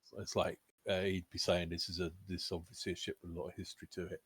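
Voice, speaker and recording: A man's voice: sits low, little pitch movement, quick pace, fairly bright tone, husky, no echo. A man chatting casually as a tabletop game player, describing what his character says and does.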